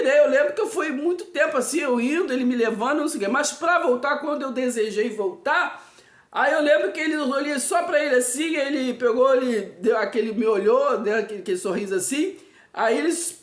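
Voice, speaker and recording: Mulher com sotaque brasileiro, voz alta no tom, testemunho pessoal, fala entrecortada e emotiva, ambiente com eco. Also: female voice, sits high. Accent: Brazilian. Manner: halting and emotional, with many restarts and nervous laughs. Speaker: host of a live stream. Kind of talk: personal supernatural testimony. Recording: echoey room.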